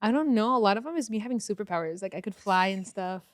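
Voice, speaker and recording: A woman talking casually on a podcast, animated and quick to laugh as she tells stories. Her voice sits at an ordinary pitch for a woman. It is recorded close on a dry mic. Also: no echo. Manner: animated, laughing, swearing freely. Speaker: podcast co-host. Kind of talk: casual chat.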